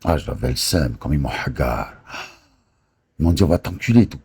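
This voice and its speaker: Deep gravelly man telling crude street stories. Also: lively intonation, moderate pace, darkish tone. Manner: crude, boastful, trash-talking street slang. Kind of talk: casual storytelling on a live stream.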